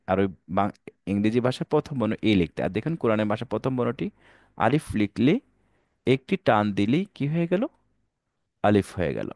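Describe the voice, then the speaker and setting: A man's fairly low, darkish voice leads viewers, his dear brothers and sisters, through an online Quran reading lesson. Mixing in English, he calls out letters for them to repeat, and the clean studio sound carries no echo.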